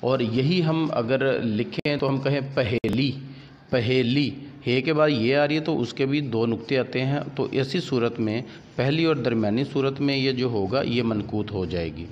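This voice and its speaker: A man with an Urdu accent teaching a grammar lesson, listing examples slowly one by one. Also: mid-range voice. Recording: dull lo-fi audio with long reverb and faint background hiss.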